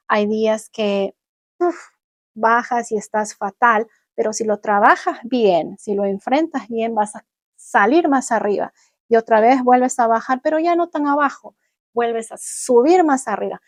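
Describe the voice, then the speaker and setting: A young adult woman vlogging, telling viewers about her own experience in an animated way and acting out what she once said. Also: a little high, unhurried, no echo. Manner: animated, acts out her own past words. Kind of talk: personal storytelling to viewers.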